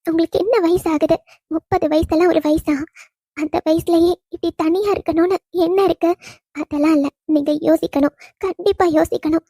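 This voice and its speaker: Cartoon: loving ghost wife, high mellow voice, teasing, woman performer. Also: fairly even intonation, normal speed, no echo, studio quality. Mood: tender teasing. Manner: affectionate teasing, soft laughs. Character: young wife's gentle spirit, teasing and loving. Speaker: dead wife visiting husband. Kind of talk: cartoon voice acting.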